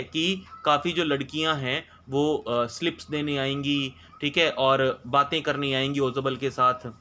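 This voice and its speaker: A male teacher working through a school chapter with a bright, slightly high voice. He reads each English line slowly and then explains it in detail. A faint hiss sits under the recording. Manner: checks in often with filler words. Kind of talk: explaining a textbook lesson.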